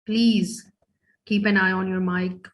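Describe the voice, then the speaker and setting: A woman's voice: medium pitch, flat delivery, slow. A woman teaching French over a video call, explaining each phrase in English and quizzing her students. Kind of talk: online class teaching.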